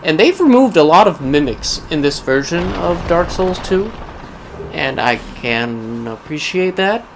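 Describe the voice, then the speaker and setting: A man's voice: fairly high pitch, sing-song, a little slow. A man giving casual, rambling gameplay commentary as host, musing wryly as if to himself. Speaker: gaming video host. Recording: clearly noisy background under voice.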